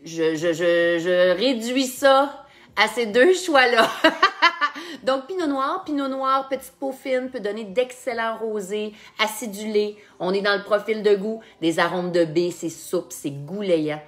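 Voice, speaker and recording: A woman's voice: mid-range voice, expressive, unhurried. A woman with a Québécois French accent hosting a wine tasting game in casual live chat, laughing often and repeating words while she thinks.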